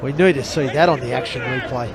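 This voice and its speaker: A man's voice: mid-range voice, quick pace. A man giving chatty expert analysis alongside a rugby league match, breaking down each play. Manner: chatty, explains plays, shouts at big hits. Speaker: co-commentator. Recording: crowd noise behind.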